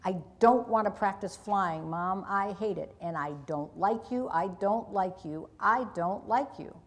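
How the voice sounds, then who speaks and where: A woman's voice: medium pitch, unhurried, close to an everyday voice. A woman reading aloud as a defiant little superhero girl. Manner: insistent, repeating herself.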